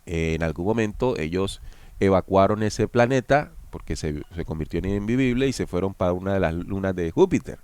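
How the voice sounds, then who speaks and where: Male host, lowish voice, dry sound; explanatory, talks straight to viewers. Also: animated, a little fast, darkish tone, clean tone, no room sound. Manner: explanatory, addresses viewers directly. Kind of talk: analytical commentary.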